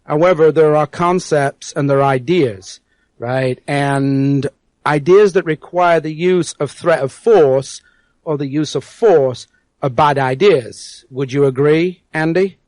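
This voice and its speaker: A man's voice: on the high side, takes it slowly, darkish tone, no room sound. A man from England with a hard-to-place English accent tinged with American, talking earnestly as a guest on an internet radio interview and often repeating words as he searches for them. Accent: hard-to-place English accent with some American. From England (South Yorkshire).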